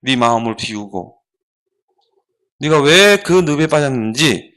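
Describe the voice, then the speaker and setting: A man doing a slow, aloof Buddhist sage. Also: medium pitch, expressive, fairly bright tone, pitched below the performer's own voice.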